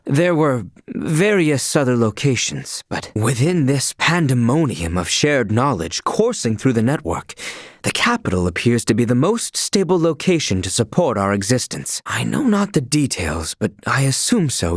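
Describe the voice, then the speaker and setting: For a video game role, a young male knight devoted to a royal speaks in an earnest, courtly manner, his mid-range voice carrying a soft husky edge and wide expressive range. His tone is urgent and his diction formal, archaic, and flowery, recorded close and dry with no echo.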